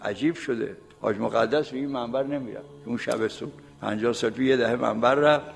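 A man in his late seventies preaching a sermon. He recites old religious sayings slowly, then explains them in plain, folksy speech and tells stories from his youth. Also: medium pitch, vocal fry. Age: late 70s. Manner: reminiscing, folksy storytelling. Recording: long hall reverb.

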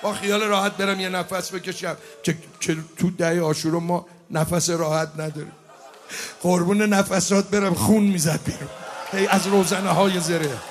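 A man's voice: sits high, fairly even intonation. A man leading a religious mourning gathering, switching between impassioned speech and chanted lament and calling on listeners to cry out. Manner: shouts and cries out, urging the audience to weep and respond.

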